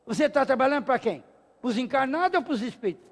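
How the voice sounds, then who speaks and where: A man's voice: very high voice, lively intonation, fast, creaky. A man lecturing a class at a spiritist center, emphatic and rhetorical, acting out little dialogues to make his points. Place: lecture hall of a spiritist association. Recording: long hall reverb.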